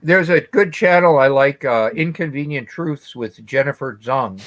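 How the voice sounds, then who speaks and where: A man's voice: a little high, normal speed. A man chatting casually as a panelist in a live discussion. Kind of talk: casual chat.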